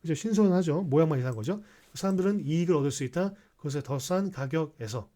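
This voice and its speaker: A man's voice: on the high side, animated, quick pace, warm tone. A male English teacher explaining sentences in a recorded class, reading English lines aloud between explanations and often checking with rhetorical questions.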